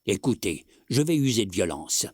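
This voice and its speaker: A man's voice: fairly low pitch, sing-song, normal speed, no echo, studio quality. A man voicing a hot-headed young man who speaks curtly and through his teeth. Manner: curt, hissing.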